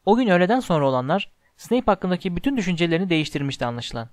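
A man narrating a storybook aloud in a steady, measured reading voice, close to the mic. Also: high-pitched, dry recording. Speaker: audiobook narrator.

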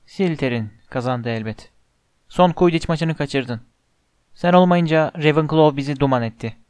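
A man's voice: fairly high pitch, normal speed, a little mellow, smooth, no echo, natural voice. A man voicing a cheerful, easygoing teenage boy talking to his friend.

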